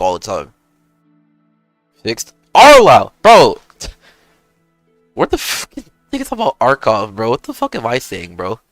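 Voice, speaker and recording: Young male streamer, hyped gamer bro, bright forceful voice with big pitch swings, casual and sweary. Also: dry recording. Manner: hyped gamer-bro slang, swearing, peppering talk with "bro" and "dude". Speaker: game streamer. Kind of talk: casual livestream chat and gaming commentary.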